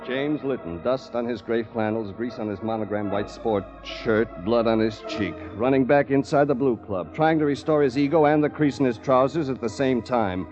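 A man's voice: mid-range voice, normal speed, few pauses, close to an everyday voice. A man playing a hard-boiled private eye narrator. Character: tough, wisecracking male private detective narrator. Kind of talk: 1940s radio acting. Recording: dull old radio recording with music.

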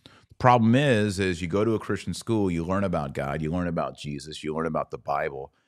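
Low-voiced and even in his intonation, this male podcast host and commentator talks to his listeners in a conversational way. His tone is didactic and emphatic, and he pauses on purpose so each point lands.

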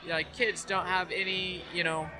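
A man's voice: sits high, flat delivery, moderate pace, over music. A man talking as a guest on a podcast recorded live at an event, earnest and rambling, with many fillers and restarts. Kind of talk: casual chat.

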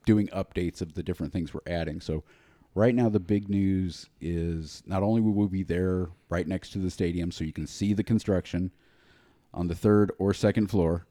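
A man's voice: low-pitched, steady tone, moderate pace, dark tone, no echo, studio quality. A man hosting a podcast, giving casual, chatty announcements with fillers. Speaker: podcast host. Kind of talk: casual chat.

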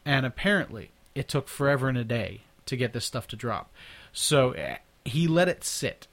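In casual podcast chat, this host's mid-range voice is expressive, creaky, and a bit bright at a moderate pace. He rambles and laughs a lot, often tripping over and repeating words, and naturally drifts into imitating others' accents.

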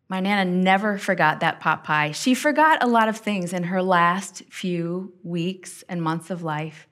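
A middle-aged woman hosting a devotional podcast, telling a personal family story in an earnest, intimate way that often drops to quiet tones. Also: fairly low pitch. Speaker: podcast host and Bible teacher.

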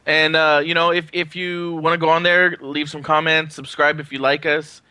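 A man hosting a podcast in a casual, halting, rambling way from his apartment. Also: a little high, little pitch movement, bright, forceful tone, clean tone, dry recording. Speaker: podcast host. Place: apartment, remote recording.

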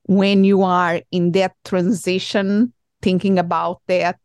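A woman's voice: fairly low pitch, level tone, takes it slowly, darkish tone, clear, resonant tone, no room sound. A woman from Portugal with a Portuguese accent, hosting an interview in a hesitant way with many fillers and restarts. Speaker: podcast host. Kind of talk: conversational interview.

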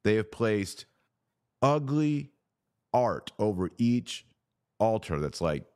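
A podcast host with a lowish, slightly mellow voice speaks slowly with big pitch swings, giving casual, conversational commentary in a blunt, opinionated way. The sound is clean, echo-free and studio quality.

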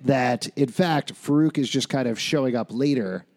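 A man's voice: medium pitch, moderate pace, a little mellow, no echo. A man hosting a casual podcast chat about a TV show, recapping the plot and joking around. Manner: leads the talk, recaps plot, jokes around. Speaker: podcast host.

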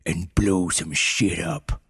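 A man voicing a gruff, commanding male penguin soldier who barks orders. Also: low voice, fairly even intonation, takes it slowly, fairly bright tone, no echo, full character voice.

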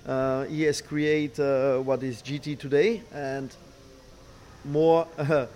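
A middle-aged man, not a native English speaker, answering interview questions haltingly, searching for words and repeating phrases. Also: fairly high pitch, little pitch movement, darkish tone. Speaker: racing team boss, former driver. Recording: clear background noise, ambient sound.

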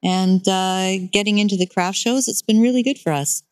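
A woman's voice: mid-range voice, moderate pace, darkish tone, clean tone, no echo. A chatty woman guest who tells stories with lots of fillers and frequent laughs. Her voice sits in a middling range. The recording is dry and close, with no room sound. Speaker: guest, birch syrup producer. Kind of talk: casual interview talk.

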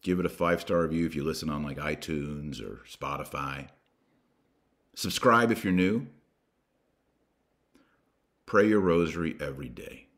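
With a deep, low-pitched but fairly bright voice, a religious podcast host exhorts his listeners emphatically. His delivery is preachy, built on dramatic pauses and repetition, with colloquial expressions thrown in.

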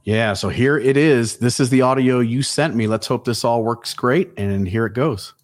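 A man hosting a live podcast, speaking casually over a low quality stream. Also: normal speed. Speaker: podcast host. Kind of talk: casual live-show chat.

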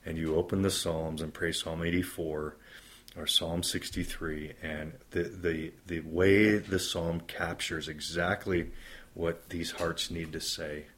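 A man's voice: low voice, flat delivery, slow, fairly bright tone, breathy edge. A man in his fifties who is a pastor, speaking earnestly and reflectively in an interview conversation and building lists for emphasis.

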